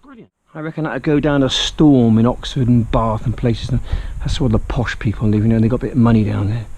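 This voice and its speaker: Chatty English guy vlogging outdoors, mid-pitched, light outdoor noise behind him. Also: steady tone, fairly quick, warm tone. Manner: chatty, self-mocking, rambling. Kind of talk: casual video diary.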